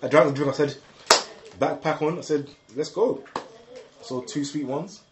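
A young man telling an excitable, slangy story with lots of repeated words and laughter. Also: a little high, normal speed, echoey room, lo-fi sound, noisy background. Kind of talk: animated casual storytelling.

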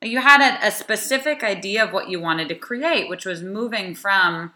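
Bright-voiced host woman in an echoey room. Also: medium pitch, animated, normal speed. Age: around 30. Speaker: podcast host. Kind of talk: casual interview chat. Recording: roomy echo.

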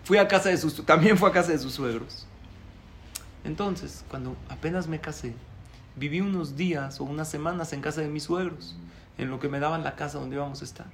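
A male rabbi, telling a story in a sermon, animated and chuckling, asking the audience questions. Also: on the high side, brisk, a little hiss or hum.

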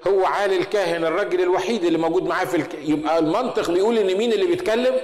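A male pastor with an Egyptian Arabic accent preaches at a rapid clip and keeps throwing questions back to his congregation. His voice rings around a reverberant hall, with a long tail on every phrase. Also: sits high. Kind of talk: sermon.

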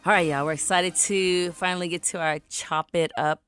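A woman's voice: on the low side, steady tone, moderate pace, fairly bright tone, soft background music. A woman co-hosting a casual talk show, bubbly and effusive, laughing as she talks. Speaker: radio show co-host. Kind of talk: casual radio chat.

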